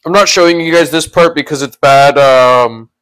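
A man hosting a casual livestream who rambles in a relaxed way, laughs often and talks to his chat. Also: a little high, moderate pace, clear, resonant tone. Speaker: livestream host.

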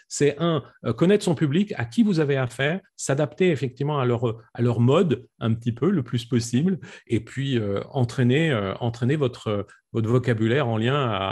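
A man's voice: mid-range voice, a little mellow, breathy edge. A middle-aged French-speaking man, a public speaking coach, answering questions in an online session with frequent fillers and restarts. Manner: hesitant, many fillers and restarts. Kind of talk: webinar Q&A answer.

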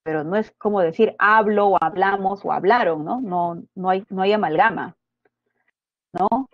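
A woman teaching a pre-university grammar lesson, explaining step by step and tagging her points with quick check-in questions. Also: mid-range voice, no echo, lo-fi sound. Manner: explanatory, constant tag questions. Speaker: language teacher.

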